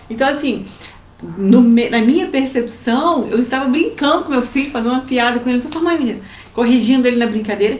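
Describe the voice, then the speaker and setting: A woman with a Brazilian accent, co-hosting a casual advice chat and telling family stories in a lively way. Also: on the high side. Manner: lively storytelling with acted quotes. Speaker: co-host giving family advice. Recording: roomy with faint background noise.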